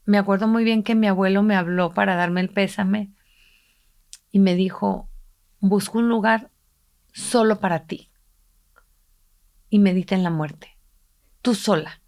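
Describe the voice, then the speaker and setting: Middle-aged woman, reflective storyteller, emotional, mid-pitched. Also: measured pace, pauses often, darkish tone. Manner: emotional, reflective, voices quoted people while retelling. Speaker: podcast co-host, mother. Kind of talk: intimate conversational storytelling.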